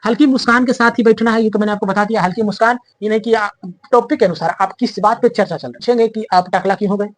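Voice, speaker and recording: A man's voice: high voice, fairly even intonation, quick pace, hardly any pauses, dry recording. A man coaching students for an interview in a casual, chatty way, often checking that they follow. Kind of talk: casual instructive talk to students.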